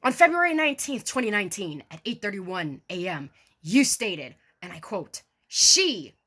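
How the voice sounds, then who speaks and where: Her mid-range voice swings widely in pitch, sounding pushed and bright at a moderate pace. The woman, an online video creator, does a theatrical mock-formal reading laced with casual, sarcastic swearing.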